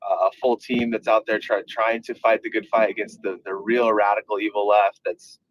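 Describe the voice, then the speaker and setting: A man's voice: fairly low pitch, flat delivery, moderate pace, no room sound, highs cut off. A man calling in from his car over the speakerphone, talking earnestly and rambling with many restarts. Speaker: caller, activist organization leader. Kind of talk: casual call-in remarks. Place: driving in a car.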